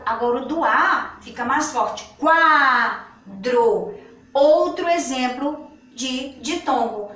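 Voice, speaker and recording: Woman, Brazilian Portuguese accent, patient teacher, unhurried delivery, stretched-out words, slightly distant mic. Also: high voice, fairly bright tone. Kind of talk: children's grammar lesson. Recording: echoey room, far from the mic.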